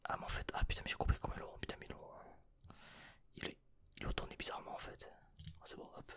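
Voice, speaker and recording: A man's voice: quick pace, bright, forceful tone. A young man whispering through an unboxing vlog in his bedroom into a desk microphone, hesitant and rambling with mild swearing. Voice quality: breathy whisper. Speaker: vlogger.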